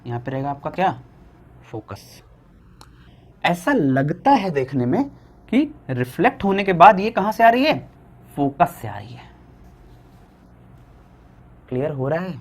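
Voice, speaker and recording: A young Indian man teaching a physics lesson at a board, asking questions and answering them himself, slowing down to dictate definitions. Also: a little high, sing-song. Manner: asks students questions and answers them himself, repeating key points.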